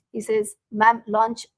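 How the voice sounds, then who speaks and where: Higher-pitched Indian-accented woman hosting a live stream. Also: no echo. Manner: repeats phrases, addresses viewers directly. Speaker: live stream host and finance teacher. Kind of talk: casual live stream talk to viewers.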